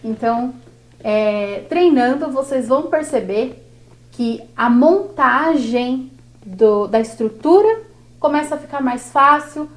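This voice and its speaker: A Brazilian Portuguese-speaking woman teaching a workshop lesson on verse, slow and didactic, drawing out each syllable. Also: high voice, expressive.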